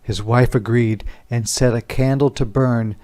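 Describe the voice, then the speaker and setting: A man reads a picture book aloud to young children the way a teacher would, expressively explaining and asking questions. His voice is mid-range and a little slow.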